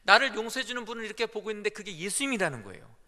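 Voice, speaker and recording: A man's voice: high-pitched, rapid-fire. A male pastor preaching a Sunday sermon in a church, telling stories and acting out the quotes. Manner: animated storytelling with acted-out quotes. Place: church sanctuary. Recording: echoey church hall.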